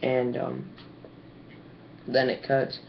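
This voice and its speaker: A man's voice: medium pitch, completely flat delivery, very slow, creaky. A teenage boy casually retelling a comic story over a webcam, rambling with lots of ums and likes. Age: teens. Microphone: webcam mic. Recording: dull lo-fi webcam audio with faint hiss.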